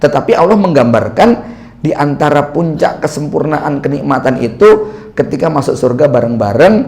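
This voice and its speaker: A man's voice: fairly high pitch, expressive, moderate pace, gravelly, a little mellow. A man preaching in a chatty, conversational lecture style, throwing rhetorical questions at his listeners and acting out small bits of dialogue. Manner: acts out little quoted dialogues. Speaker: Islamic preacher.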